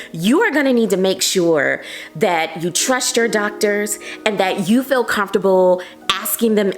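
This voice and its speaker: A woman vlogger talking casually to camera, earnest and encouraging as she gives advice. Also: medium pitch. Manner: earnest and encouraging, often says "like" and "you know". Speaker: vlogger sharing patient advice. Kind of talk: casual heartfelt talk to camera.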